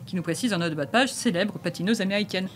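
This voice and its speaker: A woman's voice: mid-range voice, fast, faint music behind. A woman chatting casually about a book on video as a co-host, reading passages aloud expressively and laughing often.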